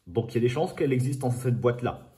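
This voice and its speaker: A man's voice: mid-range voice, expressive, fast, mellow. A man in a casual, rambling video chat about his toy car collection, often saying "voilà". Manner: apologises for his own accent.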